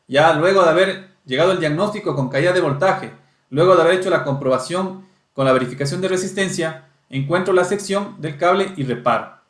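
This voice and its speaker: A man's voice: fairly high pitch, brisk. Man teaching car diagnostics, echoey room. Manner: explanatory, checks in with "¿sí?". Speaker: automotive diagnostics instructor. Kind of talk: technical lesson walkthrough.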